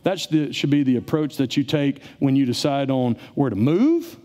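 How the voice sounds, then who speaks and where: A middle-aged man, preaching a sermon in a church in an animated, conversational way. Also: normal speed. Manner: animated, conversational preaching, rising to emphatic high peaks. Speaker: pastor. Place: church sanctuary.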